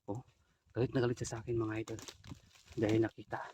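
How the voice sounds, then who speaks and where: A man filming a ghost-hunting vlog outdoors at night on a handheld camera, whispering tense commentary to viewers and now and then shouting at something unseen. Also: on the low side, little pitch movement, fast talker, background noise. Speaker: ghost hunter vlogger.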